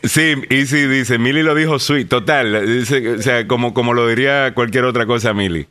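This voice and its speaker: A man's voice: medium pitch, normal speed, pushed and bright, no room sound. A man with a Puerto Rican Spanish accent co-hosting a podcast, chatting casually and joking as he reads out listener comments, with lots of fillers. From Puerto Rico. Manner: joking, rambling with many fillers. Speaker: podcast co-host.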